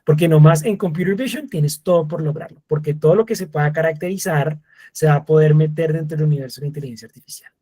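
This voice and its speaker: A man in his thirties lectures a live masterclass audience. His voice sits a little high and has a husky edge. He talks in an animated way and acts out short exchanges with voice assistants. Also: quick pace.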